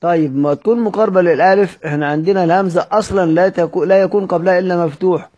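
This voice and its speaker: A man's voice: high-pitched, steady tone, a little mellow, lo-fi sound. A man with an Egyptian accent teaching Quran recitation. He reads a classical text aloud, then explains it in colloquial speech and keeps asking questions. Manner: slowly spells out word examples.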